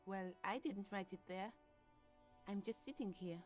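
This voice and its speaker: A timid, guarded gardener from a video game, voiced by a woman, who speaks politely and hesitantly. Soft music sits faintly in the background. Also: medium pitch, unhurried, lightly acted.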